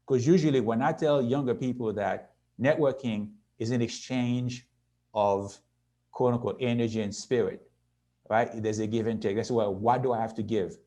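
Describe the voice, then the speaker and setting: A man in his sixties speaks at a youth conference, earnest and steady, often checking in with his listeners. His voice sits at an ordinary middle pitch, and his pace slows and quickens as he makes his points. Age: 60s. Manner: earnest, repeats "right?" to the audience. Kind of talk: motivational presentation.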